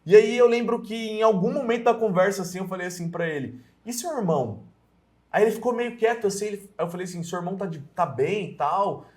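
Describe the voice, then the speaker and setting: A man with a Brazilian Portuguese accent, mentoring on evangelism in a casual, earnest chat, often pausing with hesitation fillers. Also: sits high, a little mellow.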